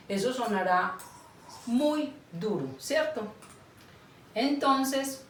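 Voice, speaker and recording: A woman teaching a Bible lesson to small children, patient and checking that they follow along. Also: on the low side. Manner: slow, patient, asks children for agreement. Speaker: children's Sunday school teacher. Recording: echoey room, far from mic, faint noise.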